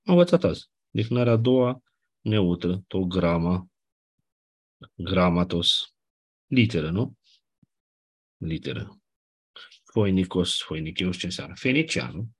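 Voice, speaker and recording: With a low, slightly rough voice, a lecturer animatedly walks students through Ancient Greek grammar, pausing often. He explains step by step and keeps checking comprehension with "nu?" and "da?".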